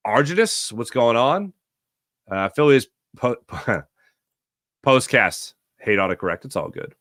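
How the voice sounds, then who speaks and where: A man hosting a casual sports podcast, reading viewer chat with sarcastic, animated commentary. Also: a little slow, dry recording, clean studio sound. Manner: reads ad copy with big pitch swings. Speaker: podcast host.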